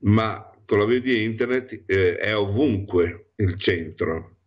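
A man with a very low voice hosts a reflective radio monologue while ill from allergies. He talks slowly and haltingly, filling gaps with hesitations. The audio is dull and lo-fi. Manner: halting, with many pauses and fillers. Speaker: radio host.

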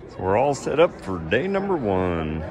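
With a crowd audible behind him, a truck parts seller in his forties vlogs casually across a garage, a driveway and a big exhibition hall. His low-leaning voice swings hugely in pitch at a moderate pace, and his talk is upbeat, chatty and full of fillers.

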